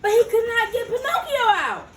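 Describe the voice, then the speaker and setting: A grandmother reads a bedtime storybook expressively to her grandchildren, now and then stumbling and correcting herself. Her voice is extremely high with wildly swooping pitch at a moderate pace, captured in a roomy, noisy home recording far from the mic.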